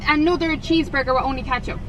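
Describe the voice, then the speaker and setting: A woman's voice: high-pitched, fairly even intonation, rapid-fire. A young woman vlogger in a car, politely ordering food at a drive-through. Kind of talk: casual vlog chat. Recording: car noise in the background. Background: car engine and traffic noise.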